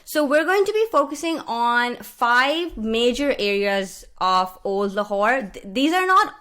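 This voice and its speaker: A woman's voice: fairly high pitch, lively intonation, a little slow, bright, forceful tone, clean tone. Young woman giving a friendly talk with slides. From Pakistan. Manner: friendly, explanatory, many "uh" and "um" fillers. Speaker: guest speaker. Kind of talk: presentation narrated over slides. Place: small indoor room at home. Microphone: studio mic on stand with pop filter.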